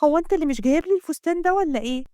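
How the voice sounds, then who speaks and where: Storybook heroine: bold, teasing young woman, voiced by a woman narrator, Egyptian, high and quick. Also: expressive, warm tone, no room sound, studio quality. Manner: taunting, self-assured. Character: defiant, sassy young woman.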